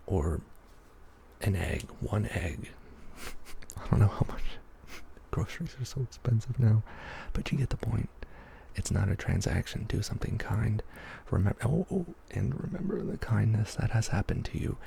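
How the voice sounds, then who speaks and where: A man giving a soft, half-whispered ASMR pep talk in a breathy, gravelly voice, rambling along with gentle encouragement. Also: fairly low pitch, slight background noise. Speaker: ASMR YouTuber.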